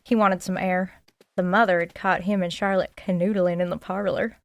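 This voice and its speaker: In an audio drama, an actress plays a woman sleuth's eager, chatty sidekick, earnest, inquisitive and confiding in her dialogue. Her natural voice is fairly low and steady at a moderate pace, on a lo-fi recording with no room sound.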